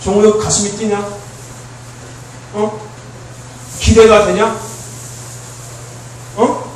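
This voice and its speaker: A male youth pastor giving a lively sermon to teenagers, shouting, joking and acting out kids' excited reactions while quizzing them. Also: sits high, very slow, a little hiss or hum. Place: church hall. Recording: roomy echo from far off.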